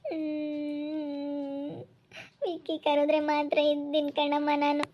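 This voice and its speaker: A woman's voice: very high-pitched, flat delivery, normal speed, muffled recording. A woman playing a weeping young wife. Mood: tearful. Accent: rural Chitradurga Kannada. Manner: weeping, breaking voice. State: crying. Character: young married woman, tearful, desperate, pleading.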